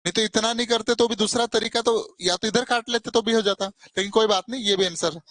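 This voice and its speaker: A man's voice: high voice, fast, fairly bright tone, no room sound. Coaxing male maths tutor, dry sound. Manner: coaxing, mildly scolding, calls students "beta". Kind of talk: live classroom teaching.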